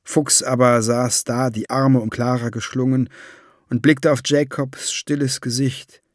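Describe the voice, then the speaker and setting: A man reading an audiobook in slow, measured scripted narration. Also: mid-range voice, little pitch movement, dry recording, studio quality.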